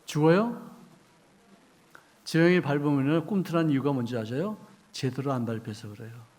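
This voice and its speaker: A middle-aged man delivers a sermon in a mid-pitched voice. He acts out the people he quotes and puts questions to the congregation. His delivery swings from loud bursts down to near-whispers. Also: moderate pace. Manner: quizzes the congregation. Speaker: pastor.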